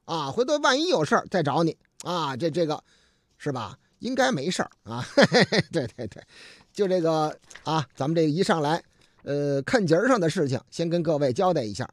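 A man's voice: fairly high pitch, very animated, normal speed, no echo. A man hosting a radio show, telling a story in a chatty, colloquial way full of fillers and asides. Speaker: radio host. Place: radio studio.

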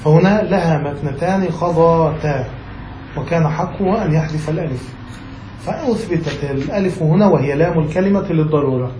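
A man's voice: a little high, a little mellow, roomy sound, a little hiss or hum, rough recording. A man, a sheikh, teaching a classical grammar text, reading a passage and then explaining it, often checking whether his students follow.

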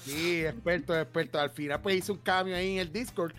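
A man's voice: on the high side, steady tone, fairly quick, a bit bright. A man co-hosting a casual gaming chat, laid-back and chatty, laughing often. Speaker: podcast co-host.

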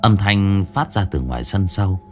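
Lively, low-voiced male ghost story teller. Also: moderate pace, soft background music. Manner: dramatic, expressive storytelling.

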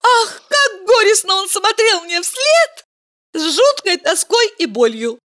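A bright, teasing young heroine, voiced by a woman reading a storybook sounds very high and lively. She talks in quick exclamations, swinging up and down all over her range. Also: full character voice. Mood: bubbly. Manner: bubbly, chirpy and exclamatory.

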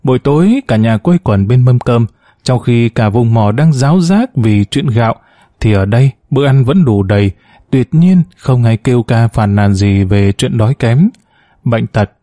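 A man with a mid-range voice reads scripted narration for an audiobook, telling the story in a measured, even way. The studio-quality recording has no room sound.

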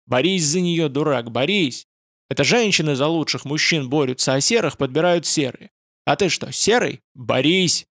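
Man voicing a fierce warrior, barking scolds, gravelly, dry close sound. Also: on the high side, expressive, moderate pace, a bit bright, no echo. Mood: scolding. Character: gruff fierce warrior man, scornful and bloodthirsty.

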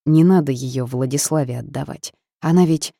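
A woman's voice: extremely low pitch, moderate pace, creaky, mellow, no room sound, clean studio sound, heavily acted. A woman doing a teasing male forest creature. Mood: urgent.

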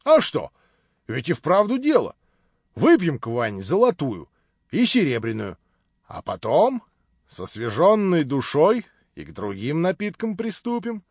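A man's voice: on the high side, huge pitch swings, unhurried, breathy edge, no echo, pitched above the performer's own voice, full character voice. A man voicing a jovial, roguish old friend who banters and teases. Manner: bantering, teasing. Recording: dull, dry recording.

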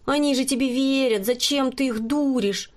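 A woman's voice: sits high, moderate pace, pitched above the performer's own voice, close to an everyday voice. Woman voicing a snappish, sceptical little girl. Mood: scornful. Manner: scornful, snappish. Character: sharp, sceptical, bossy young girl.

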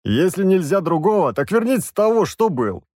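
A gruff, bass-voiced old army commander, as a narrator plays him, blunt and rough-spoken with a loud, lively delivery. Dry close studio sound. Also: male voice, moderate pace, no room sound. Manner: blunt, rough soldier talk.

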